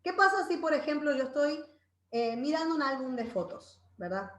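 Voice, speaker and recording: In a reverberant room, a woman with a high, expressive voice leads an informal Bible-based parenting class at a moderate pace. Her manner is conversational, with frequent "¿verdad?" check-ins to her listeners and acted-out children's voices in quotes.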